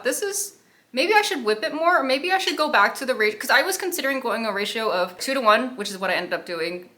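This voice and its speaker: Middle-aged woman baking host, bright voice, chatty and self-mocking, home kitchen vlog. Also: fairly high pitch. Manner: chatty, self-deprecating, rambling asides. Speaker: baking vlogger. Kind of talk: casual chat to camera.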